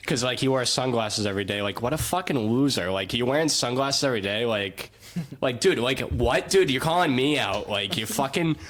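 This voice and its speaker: A young man co-hosting a casual podcast, telling crude high school stories with lots of swearing and laughing. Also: animated, normal speed, a bit bright. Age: young adult. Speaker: podcast co-host.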